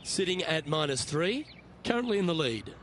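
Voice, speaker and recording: A man giving golf commentary as lead announcer, calling each shot in short, measured phrases. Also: fairly high pitch, very animated, a bit bright. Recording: crowd and outdoor noise behind.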